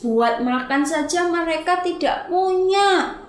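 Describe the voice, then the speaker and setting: A woman teaching Sunday school, telling a Bible story to children in a lively way and asking them questions. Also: very high-pitched, slow, roomy sound.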